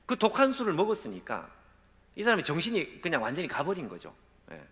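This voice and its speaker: A man as a guest pastor preaching a sermon, telling a dramatic story and acting out the quoted voices, at times dropping to a hush. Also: fairly high pitch. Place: church sanctuary. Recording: long hall reverb.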